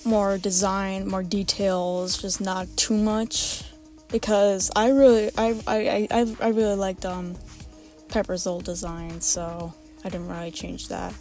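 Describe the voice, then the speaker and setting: A woman with a raspy voice giving a casual, informal vlog voice-over about her art, rambling and hesitant as she goes. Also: medium pitch, level tone, unhurried, darkish tone, soft background music. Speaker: artist presenting original character redesigns.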